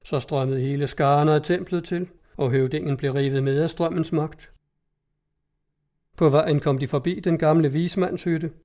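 A man reads an old tale aloud at a measured pace. His voice sits slightly high for a man. The storytelling stays steady and even. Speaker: narrator. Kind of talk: scripted narration of an old tale.

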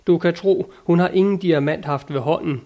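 An eager, lofty old knight from a storybook, full of high-flown devotion, as a male narrator reads him, in a fairly high voice. His speech is grand and old-fashioned, urging and exclaiming. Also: darkish tone, lightly acted. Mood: ardent. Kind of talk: audiobook character reading.

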